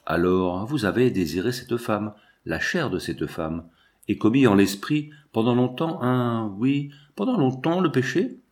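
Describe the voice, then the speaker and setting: A man's voice: medium pitch, expressive, a little slow, darkish tone, close to an everyday voice. A man reading aloud who voices a pushy priest pressing a dying man with probing questions. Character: pushy, prying male priest, middle-aged.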